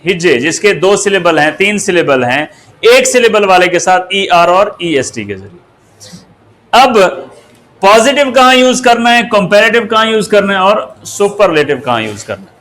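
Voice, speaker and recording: Man, English grammar lesson, high-pitched, rhetorical questions to the class. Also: big pitch swings, fairly bright tone. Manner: slow and deliberate, asks the class rhetorical questions and spells words out.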